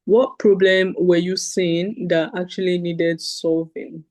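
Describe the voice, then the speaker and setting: A podcast host with an upbeat, chatty delivery who leans on easy fillers while asking questions. The voice sits at a middle pitch, and the sound is close and dry with no room echo. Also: level tone, slow, a little mellow. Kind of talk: casual podcast interview.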